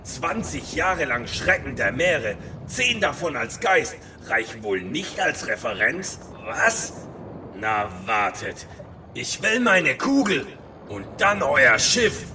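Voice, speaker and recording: An actor playing a vain, menacing ghost pirate captain with a pompous, theatrical manner in an audio drama. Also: male voice, mid-range voice, very animated, takes it slowly, background noise. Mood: offended, blustering. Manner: pompous, theatrical, easily offended.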